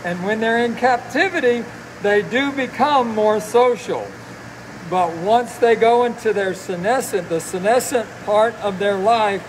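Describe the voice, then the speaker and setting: High-voiced man through a face mask, noisy room. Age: middle-aged. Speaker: aquarium animal keeper and guide. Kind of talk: casual educational live talk. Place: noisy indoor aquarium work room. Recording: noisy pump-filled room with loud hum.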